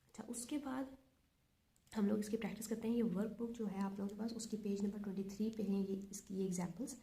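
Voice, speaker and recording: A woman's voice: medium pitch, quick pace. Methodical woman teaching Arabic grammar. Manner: steady, methodical, repeats the same checks aloud. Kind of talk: classroom grammar lesson.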